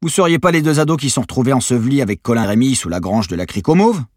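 A man voicing a gruff, grizzled reporter. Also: fairly high pitch, animated, fairly quick, no room sound, clean studio sound, voice pushed up. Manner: gruff, probing. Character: grizzled gun-toting male reporter, gruff and pressed.

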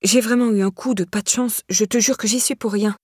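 A woman voicing a young woman in trouble, pleading and defensive, pitched higher than her narration. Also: steady tone, brisk, darkish tone, slightly rough, dry recording, studio quality, close to an everyday voice.

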